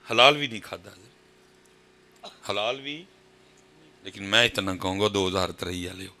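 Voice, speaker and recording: A Pakistani man with a Punjabi accent preaching a sermon at a religious gathering, moving from quiet talk to high shouted exhortation. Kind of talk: impassioned sermon.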